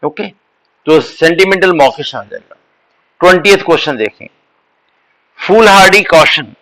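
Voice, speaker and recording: A man's voice: a little high, animated, fairly bright tone, poor audio. A man teaching a live online exam-prep lesson, mixing Hindi and English and calling his students beta. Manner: mixes Hindi and English, addresses students as beta, slow deliberate explanations.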